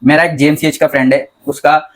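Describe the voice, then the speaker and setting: A man's voice: a little high, level tone, a little fast. A young man interviewing fellow medical students in a casual chat, laughing often and dropping English phrases. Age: young adult.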